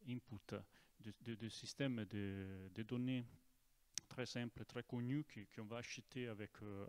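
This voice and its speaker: An Italian man giving an informal presentation in broken French with an Italian accent, halting and repeating words as he goes. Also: on the low side, darkish tone. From Italy. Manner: broken, non-native French with grammar slips. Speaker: naval officer giving a presentation.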